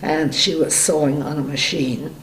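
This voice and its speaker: A woman's voice: low-pitched, fairly even intonation, normal speed. An elderly woman recalling her youth in a plain, matter-of-fact way during an oral history interview. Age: 70s or older. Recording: echoey room with faint noise.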